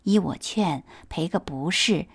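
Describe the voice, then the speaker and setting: A woman's voice: on the low side, a little slow, breathy edge, dry recording, studio quality. A woman voicing a sensible young maid earnestly advising her young master to apologize, in a storybook reading. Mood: persuasive.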